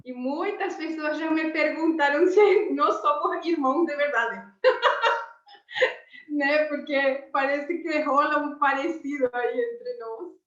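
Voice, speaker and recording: A woman, a teacher chatting warmly on a video call, laughing often. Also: sits high, takes it slowly. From Argentina. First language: Spanish. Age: 40s. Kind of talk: casual chat on a video call. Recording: roomy, distant, dull sound.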